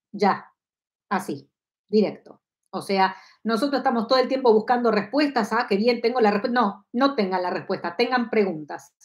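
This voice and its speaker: Speaking at medium pitch into a lapel mic, a woman in her fifties with an Argentine Spanish accent teaches Kabbalah in a live online lesson from her home study. Her style is explanatory, and she frequently seeks listeners' agreement to check they're following.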